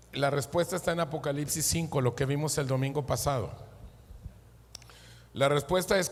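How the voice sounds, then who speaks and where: High-voiced pastor preaching slowly. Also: male voice, big-room sound. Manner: emphatic preaching, asks questions and answers them himself. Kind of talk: sermon.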